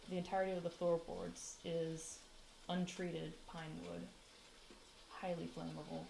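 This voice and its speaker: A woman narrating as game master of a tabletop game, relaxed, with frequent ums. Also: fairly low pitch, vocal fry, reverberant, slight background noise, poor audio.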